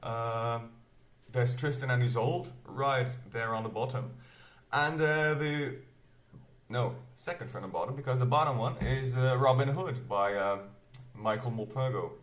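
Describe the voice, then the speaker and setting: In an echoey room at home, a male book vlogger in his twenties leisurely walks through his bookshelves, rambling and fixing his own words. He's from Belgium and grew up speaking the Flemish dialect of Dutch, and his medium-pitched English has a Flemish accent mixing American and British.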